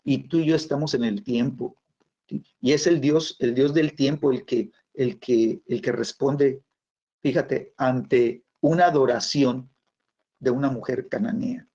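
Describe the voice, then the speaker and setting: A man preaching a sermon in a halting way, full of fillers and tag questions. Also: medium pitch, mellow. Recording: dull lo-fi sound.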